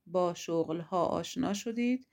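A woman teacher explaining a lesson slowly and carefully, stressing each foreign word before she translates it. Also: on the low side, darkish tone. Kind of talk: Arabic lesson in Persian.

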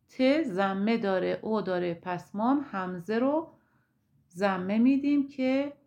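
A woman's voice: medium pitch, darkish tone, highs cut off. Patient Persian-accented woman teaching grammar. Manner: slow, deliberate, explaining step by step. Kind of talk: Arabic grammar lesson.

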